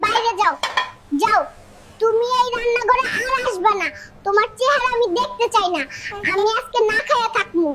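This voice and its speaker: A high cartoon voice doing a whiny wife. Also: normal speed. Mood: tearful. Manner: whiny, sulky, dramatic. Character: fussy wife who wants only hilsa fish. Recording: loud background noise.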